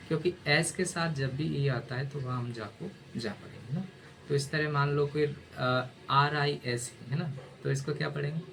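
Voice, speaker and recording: A man's voice: on the high side, fairly bright tone, slight background noise. A male teacher gives a casual spoken lesson, spelling letters aloud and often asking "है ना?".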